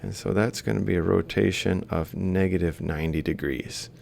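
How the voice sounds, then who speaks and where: A robotics lecturer with a darkish voice and vocal fry speaks at normal speed with fairly even intonation. In an informal worked-example lecture, he draws while explaining, reasons aloud step by step, and corrects himself. Faint background noise with a low rumble is audible.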